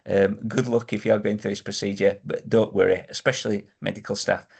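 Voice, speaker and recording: A middle-aged man with a Northern English accent from Yorkshire speaks in a lowish, gravelly voice. His delivery is plain-spoken and matter-of-fact, like someone casually explaining his own experience to camera. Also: little pitch movement, brisk, a little mellow. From Northern England, Yorkshire. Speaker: patient sharing his experience. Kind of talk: casual first-person vlog explainer.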